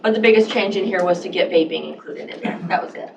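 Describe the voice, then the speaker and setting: A woman on county staff explaining policy updates to a board, clear and explanatory with some fillers. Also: fairly low pitch, fast, dull audio. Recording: distant mic with background noise.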